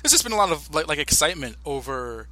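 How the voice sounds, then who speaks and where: A young American man co-hosting a podcast in casual, animated talk, often restarting his sentences. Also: fairly high pitch. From United States. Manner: animated, halting with many restarts and fillers. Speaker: podcast co-host.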